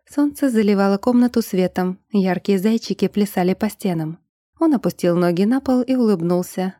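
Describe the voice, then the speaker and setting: A woman narrating an audiobook with a calm, even reading. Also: mid-range voice, no echo, studio quality.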